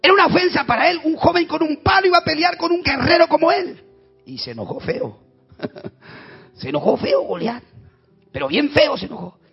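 A man with an Argentine accent preaching a sermon, telling stories dramatically and swinging between loud and quiet. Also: extremely high pitch, big pitch swings, a little fast, vocal fry, long pauses, muffled recording, soft background music. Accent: Argentine Spanish. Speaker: pastor.

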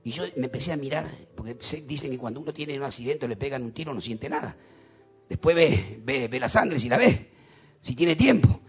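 A man with an Argentine accent preaching a sermon, telling stories dramatically and swinging between loud and quiet. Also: mid-range voice, animated, a little fast, breathy edge, highs cut off, soft background music. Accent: Argentine Spanish. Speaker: pastor.

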